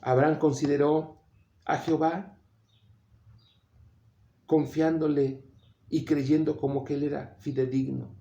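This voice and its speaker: An earnest male preacher delivering a sermon with a gravelly, dark-toned voice that sits slightly high. He slows down to press home his points. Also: little pitch movement, highs cut off.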